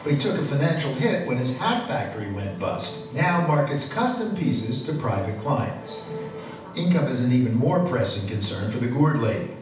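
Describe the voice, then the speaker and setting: A male reporter narrating a news feature in a measured, crisp way. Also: mid-range voice, big pitch swings, music in the background. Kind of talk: scripted narration. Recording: echoey, distant, noisy.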